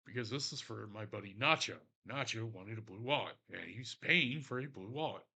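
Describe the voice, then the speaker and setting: A man's voice: on the low side, brisk, vocal fry, pushed and bright, slightly rough. Profane, rambling Texan man at work. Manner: rambling, profane, self-mocking. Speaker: streamer. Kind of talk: casual crafting stream chat.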